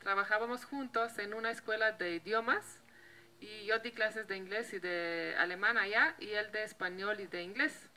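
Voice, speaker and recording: A woman in her thirties, a native Slovene with a Slovenian accent, vlogs casually outdoors on a patio by a block wall, speaking into a handheld mic. Her mid-range voice is steady and sharp at normal speed, broken by restarted words and light laughter.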